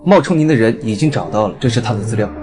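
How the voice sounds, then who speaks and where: A man's voice: lowish voice, animated, racing, lightly acted. An actor playing a formal, dutiful male assistant in a short web drama. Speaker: special assistant. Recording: music playing behind.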